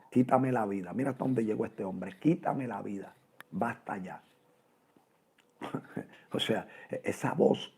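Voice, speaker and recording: A man's voice: medium pitch, dark tone. A man preaching a radio sermon with fervor. He fills his talk with "amén" and "gloria al Señor" and calls his listeners "hermano". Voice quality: gravelly, husky.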